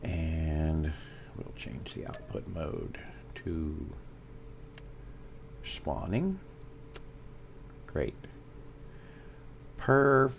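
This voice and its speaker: A man with a Southern US accent giving casual gameplay commentary, thinking aloud with fillers and pauses. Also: rumbling low, vocal fry, noisy background. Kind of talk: casual let's-play commentary.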